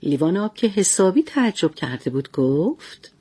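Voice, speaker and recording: A woman tells a bedtime story in a soft, coaxing way, her low, husky voice rising and falling warmly. Faint music plays behind her as she narrates for children. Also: very animated. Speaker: storyteller as grandmother.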